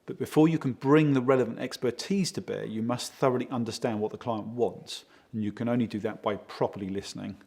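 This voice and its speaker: A man working as a project consultant, giving steady, explanatory interview answers and leaning on key words. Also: medium pitch, a little fast, gravelly, few pauses. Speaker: project consultant for a home design firm.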